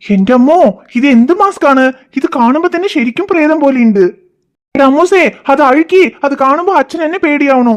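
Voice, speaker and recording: A jokey cartoon father, as a woman puts him on, playful and a little bossy with his family. The voice is pushed down into a lower register while still sitting fairly high for a man. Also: expressive, fairly quick. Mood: chiding. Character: teasing good-natured father, grown man. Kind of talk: cartoon voice acting.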